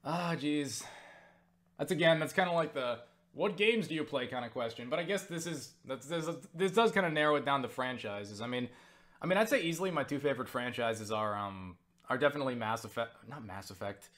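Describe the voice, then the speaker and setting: Answering viewer questions in a casual vlog, this young man talks a little fast in a mid-range voice. His answers ramble, full of fillers and restarts, with offhand swearing and bursts of animation when he gets excited.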